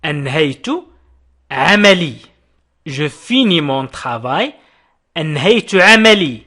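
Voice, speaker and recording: A man teaching a French lesson, spelling out verb endings letter by letter and slowly repeating each example. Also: a little high, lively intonation, bright, forceful tone. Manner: addresses viewers directly. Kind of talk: video lesson.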